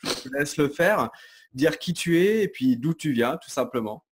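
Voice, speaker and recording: A man with a fairly high voice hosts an interview. He is friendly and chatty, and he talks his way into each question as he goes. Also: expressive, normal speed, a little hiss or hum. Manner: friendly, chatty, thinks aloud with fillers. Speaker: host, interviewer. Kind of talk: casual interview talk.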